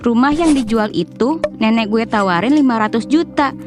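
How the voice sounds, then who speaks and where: A woman's voice: on the high side, animated, normal speed, music in the background. A woman narrating a family story in a chatty, slangy way, talking straight to her viewers. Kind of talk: casual storytime narration over mukbang video. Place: voice-over.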